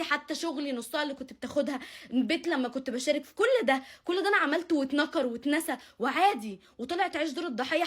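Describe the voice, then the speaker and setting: Fast, high-voiced angry Egyptian woman. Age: young adult. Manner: heated and indignant, repeats phrases. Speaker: vlogger. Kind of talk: angry personal confession to camera.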